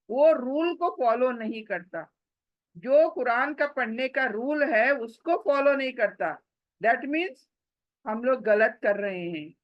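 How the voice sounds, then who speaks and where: In a dry, dull-sounding recording, a high-voiced woman gives a step-by-step pronunciation lesson on Quran recitation. She explains each rule with patience, drawing out and repeating sounds as demonstrations.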